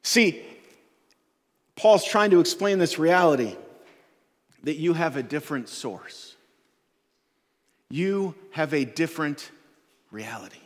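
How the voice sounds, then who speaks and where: A man's voice: a little high, lively intonation, slow, pauses often, long reverb tail. A man preaching a sermon as a pastor, earnest and conversational, often repeating words and restarting his phrases.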